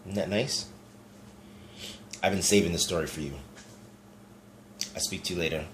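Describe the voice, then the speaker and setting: A storyteller reads a picture book aloud to young children in a low, gentle voice at a moderate pace. He's relaxed and chatty, often stopping to point out things in the pictures, with a faint hiss in the background.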